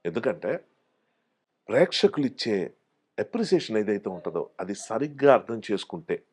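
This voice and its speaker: A man's voice: fairly low pitch, very animated, normal speed, darkish tone, breathy edge. A man, an actor as interview guest, telling stories casually and acting out the voices of people he quotes.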